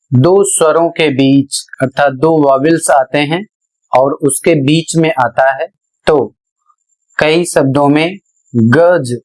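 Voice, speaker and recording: Slow-paced man teaching pronunciation. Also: medium pitch, low-quality recording. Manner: slow, spells words letter by letter. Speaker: English teacher. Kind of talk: pronunciation lesson.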